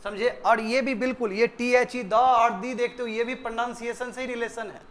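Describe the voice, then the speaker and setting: A man's voice: very high voice, level tone, normal speed, fairly bright tone. A man with an Indian English accent teaching a grammar lesson in a classroom, quizzing students and repeating their answers.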